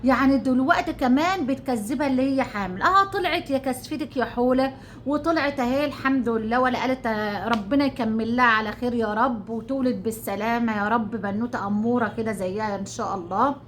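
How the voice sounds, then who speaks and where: A woman's voice: fairly high pitch, quick pace, slight background noise. A middle-aged Egyptian woman talking casually to her viewers, indignant and rambling, repeating her phrases. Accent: Egyptian Arabic. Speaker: YouTuber. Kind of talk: casual talk to camera.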